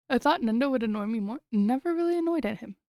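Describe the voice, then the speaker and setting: A woman's voice: a little high, lively intonation, moderate pace, dark tone, dry recording, studio quality. A young woman chatting casually on a late-night stream, giggly and rambling, often trailing off and restarting.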